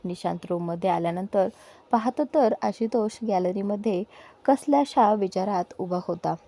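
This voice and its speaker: Mellow woman narrating a story. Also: mid-range voice, normal speed, vocal fry. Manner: steady, plain reading.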